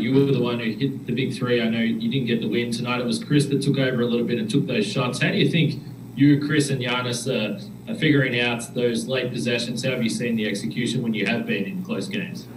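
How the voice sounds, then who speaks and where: A male reporter asks a friendly, direct question over a remote line. He sounds far from the mic in an echoey room. Faint hiss sits underneath. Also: mid-range voice. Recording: roomy distant call audio.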